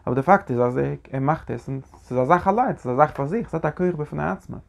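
A man teaching a religious lecture in an animated way, often restarting his sentences and breaking into emphatic bursts. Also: a little high, quick pace, creaky. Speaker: Torah teacher.

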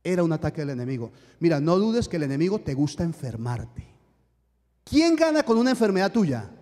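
A man's voice: fairly high pitch, very animated, brisk, dark tone, long reverb tail. A man preaching a sermon, telling a personal story and acting out the dialogue, with emphatic rhetorical questions.

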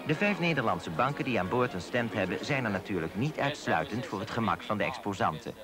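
A man giving formal, measured scripted voice-over narration for a documentary. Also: fairly low pitch, expressive. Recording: voice-over with loud music behind.

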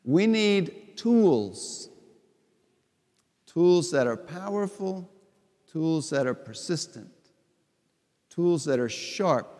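Slow-preaching bishop in a reverberant church. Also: male voice, a little high, very animated, dark tone. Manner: slow, deliberate, conversational preaching with repeated phrases. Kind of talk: homily at Mass. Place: large church sanctuary before the altar.

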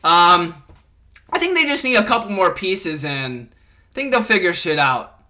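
A high-pitched young man with a bright, forceful voice, ranting casually about football as a podcast host. He rambles, swears freely and gets worked up. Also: sing-song, unhurried. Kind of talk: casual sports rant.

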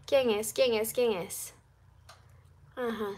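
Cooking in her home kitchen, this middle-aged Salvadoran vlogger chats on a phone live stream and reads out comments from viewers, captured close-up by the phone camera. She speaks slowly in a steady, somewhat dark tone, her pitch on the high side.

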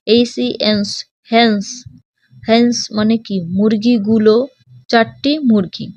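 Slow, patient woman teaching children. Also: fairly high pitch, dry recording. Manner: spells words letter by letter, then explains meanings slowly. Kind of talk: children's textbook lesson. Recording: dull lo-fi, dry.

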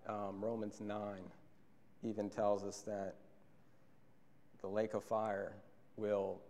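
A young man delivers an earnest sermon from behind a pulpit, speaking into a stand microphone. His voice sits fairly low, and he often repeats a phrase to drive it home. The church sanctuary adds a long, trailing reverb to every word. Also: a little mellow. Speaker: preacher.

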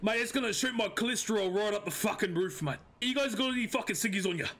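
A man's voice: high-pitched, animated, fast talker, fairly bright tone. A man with a New Zealand accent playing a crude, grumpy older bloke who is hard of hearing, drawling and swearing, calling everyone mate. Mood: cranky banter. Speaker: streamer in roleplay. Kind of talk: improvised roleplay in voice chat.

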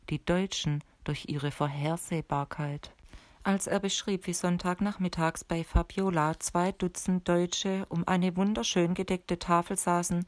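A woman narrating a first-person audiobook in a measured, even reading voice, close to the mic. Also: lowish voice, dry recording.

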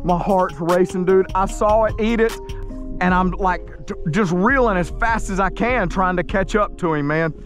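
A man in his thirties fishing from a kayak outdoors, shouting excited commentary into an action camera as he hooks fish. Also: high-pitched, normal speed, soft background music. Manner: exclaims loudly while fighting fish. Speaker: fishing video host. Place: kayak on open water outdoors.

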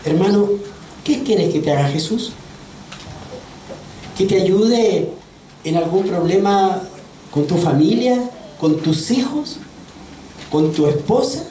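A man's voice: sits high, expressive, slow, long pauses, mellow. A man preaching a sermon in a church, earnest and asking his congregation questions. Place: church sanctuary. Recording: echoey church audio from far off, faint noise.

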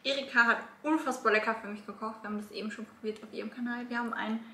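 A young woman chats casually as a YouTube host. Her voice is fairly high and bright, picked up in an echoey room. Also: steady tone, very fast, a little hiss or hum. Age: 20s. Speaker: YouTuber hosting a mukbang. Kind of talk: casual chat. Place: small room at a dining table. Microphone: camera a few feet away. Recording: echoey room, camera at a distance.

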